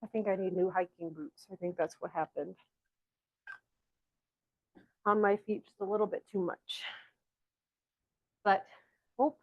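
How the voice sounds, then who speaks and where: A woman with a Southern accent leading a workout class as fitness coach, out of breath, counting down and pushing her class on with energetic encouragement. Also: medium pitch, normal speed, highs cut off. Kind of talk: live workout class cues.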